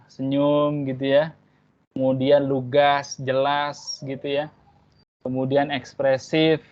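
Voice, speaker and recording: A man with a mid-range voice leads an online training session for young school applicants. He explains in a relaxed teacherly way and keeps checking in with short tag words after each point. The sound is dull and lo-fi, like a video-call recording. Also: mid-range voice. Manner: casual teacherly, tags points with "ya" and "gitu".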